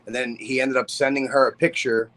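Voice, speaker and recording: A man co-hosting a podcast speaks in an ordinary mid-range voice. He tells his stories casually, pausing and restarting his phrases as he goes. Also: mid-range voice, low-quality recording. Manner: relaxed storyteller, hesitant restarts.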